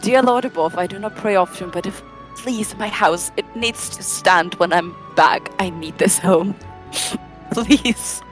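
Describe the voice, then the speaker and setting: A woman voicing a formal, dignified young man adventurer who speaks with stiff, measured courtesy. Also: mid-range voice, faint music behind, pitched below the performer's own voice, lightly acted, rough recording. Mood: pleading.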